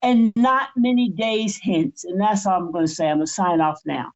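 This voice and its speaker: A woman's voice: medium pitch, moderate pace, muffled recording. An older woman co-hosting a spiritual talk show, speaking in an impassioned, pleading and repetitive way. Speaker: co-host.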